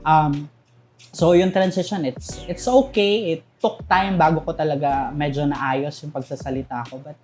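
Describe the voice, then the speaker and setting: A young call center manager from Southern Leyte, Philippines, speaks with a Visayan accent as a guest in a casual interview, candidly telling stories and laughing often. His fairly high voice is steady, unhurried, and a little mellow, with faint music behind.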